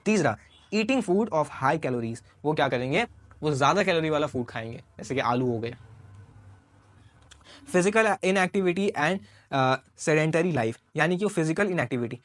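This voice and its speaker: A man's voice: fairly high pitch, no room sound. A man teaching a school science lesson online, explaining terms with everyday examples and repeating key words. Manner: addresses the viewer as "sir" and mixes in English terms. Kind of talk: online class lecture.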